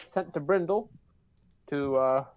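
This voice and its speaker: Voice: medium pitch, takes it slowly, a little mellow, highs cut off, close to an everyday voice. A player voicing a polite adventurer who stumbles over words while greeting some dwarves. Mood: ingratiating. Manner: hesitant, searching for words.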